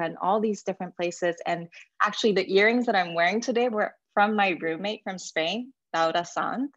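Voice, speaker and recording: A woman's voice: lowish voice, no echo, muffled recording. A woman in her forties from Japan, a life coach giving an earnest talk to alumni with a few fillers. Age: 40s. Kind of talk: presentation to alumni.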